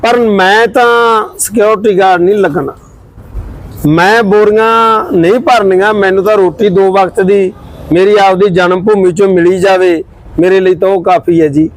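High-voiced earnest man. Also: steady tone, normal speed, poor audio. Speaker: actor in a village comedy skit. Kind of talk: scripted rural skit dialogue.

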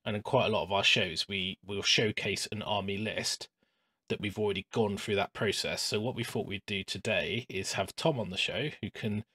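A man's voice: on the low side, normal speed, breathy edge, dry recording. A man hosting a podcast from his home hobby room, chatting casually with lots of fillers and restarts. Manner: relaxed and chatty, with frequent "um" and restarts. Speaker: podcast host.

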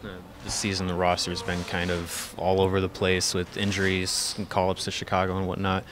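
A man's voice: low voice, completely flat delivery, a little fast, background noise. A male reporter asking long, rambling postgame interview questions.

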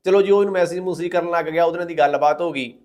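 A man tells a story with dramatic, moralizing scorn. His voice sits fairly high for a man. He acts out the words of the people in the story as he goes. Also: rapid-fire, a little mellow. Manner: moralizing, scornful, quotes others in their voices.

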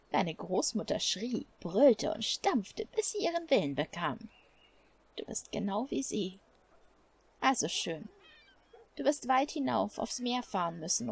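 A woman's voice: mid-range voice, sing-song, gravelly, slightly rough, exaggerated voice. A woman reading a stern old island woman. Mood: reproachful. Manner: stern, scolding, slow and weighty. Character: stern elderly island woman, protective elder. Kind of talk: game dialogue read aloud. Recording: faint music behind.

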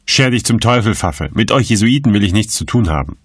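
A man voicing a desperate, defiant male prisoner who shouts and pleads in a raised, strained voice. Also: on the low side, lively intonation, brisk, slightly rough, no echo, studio quality. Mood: defiant, shouting.

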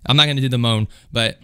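A man's voice: medium pitch, heavy background noise. A man hosting his own beatbox video, chatting casually and loosely and swearing freely. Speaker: beatboxer vlog host. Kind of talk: casual vlog chat.

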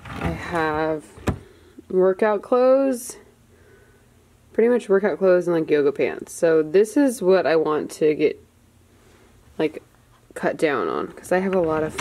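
A woman's voice: on the low side, noisy background. A young woman talking casually as a home vlogger, narrating her cleaning routine in a chatty, friendly way with lots of fillers.

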